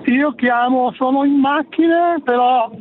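A man calling a radio show over the phone from a moving car, explaining earnestly with halting restarts. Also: extremely high pitch. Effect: heard over the phone. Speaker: radio caller. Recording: tinny phone line from a car with faint noise.

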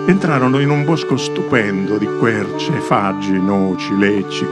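A man telling a myth in a lively, expressive reading. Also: mid-range voice. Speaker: storyteller. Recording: faint music behind.

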